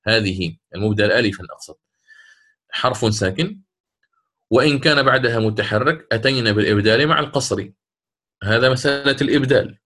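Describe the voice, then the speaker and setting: A male recitation teacher talks through the rules with patient, step-by-step care. His pitch sits at an ordinary middle height for a man, and he slows to a drawn-out chant whenever he recites an example. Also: a bit bright. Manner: patient, step-by-step explanation, chants short verse examples slowly. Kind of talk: recorded lesson.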